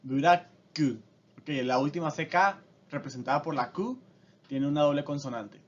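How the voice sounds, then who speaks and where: A man's voice: fairly high pitch, normal speed. A man teaching a casual lesson, explaining step by step and often checking in with his listeners. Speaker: language teacher. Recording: dull lo-fi audio.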